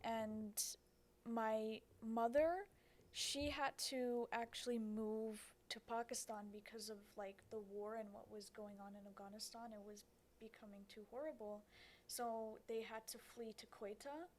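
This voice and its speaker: Young female podcast guest, around twenty, slightly high voice, soft and trailing. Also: fairly even intonation, unhurried. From United States. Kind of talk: casual podcast talk.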